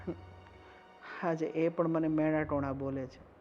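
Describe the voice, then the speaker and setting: A man's voice: fairly high pitch, little pitch movement, measured pace, soft background music, lightly acted. A young man acting as a husband who defends his marriage to an older woman, talking earnestly. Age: young adult. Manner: earnest, pleading, rising to defiant outbursts. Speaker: young husband in a family drama. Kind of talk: Gujarati short-film acting. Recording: dull lo-fi sound with faint noise.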